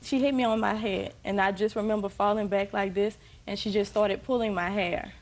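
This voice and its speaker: A woman's voice: medium pitch, steady tone, brisk. A young woman giving narrative testimony as a plaintiff in a TV court.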